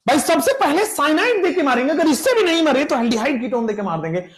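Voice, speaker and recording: Lively, playful male chemistry teacher. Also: very high voice. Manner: playful storytelling, repeats chants slowly, addresses students as beta. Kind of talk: animated classroom lecture with mnemonics.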